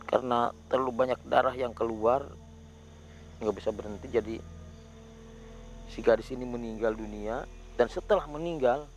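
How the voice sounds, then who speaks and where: Hushed man hunting ghosts at night. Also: fairly low pitch, slight background noise. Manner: whispery, breaks into loud urgent calls. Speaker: ghost-hunting video host. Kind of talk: hushed on-location paranormal narration.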